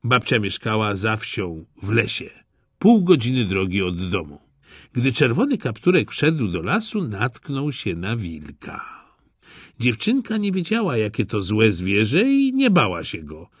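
A man giving an expressive, dramatic reading of a fairy tale as storyteller. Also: on the low side, measured pace, breathy edge, no room sound, studio quality. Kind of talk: scripted storybook narration.

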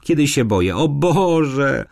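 A man's voice: medium pitch, big pitch swings, a little slow, creaky, pitched above the performer's own voice, exaggerated voice. A man voicing a terrified young girl who cries and pleads for help in a read-aloud story.

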